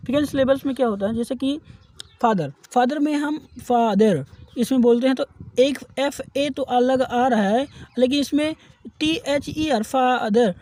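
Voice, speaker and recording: A male teacher giving a grammar lesson, repeating key terms slowly and checking in often with "okay". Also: very high-pitched, dark tone. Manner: repeats key terms slowly, then explains them in Hindi; frequent checking "ठीक है". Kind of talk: grammar lesson explaining definitions.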